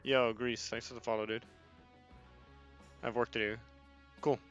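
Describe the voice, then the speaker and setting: A man's voice: medium pitch, level tone, normal speed, lo-fi sound. A young man, a team coach, talking casually through match footage on a livestream, chatting with viewers and swearing now and then. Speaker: esports head coach reviewing match footage. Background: faint music playing.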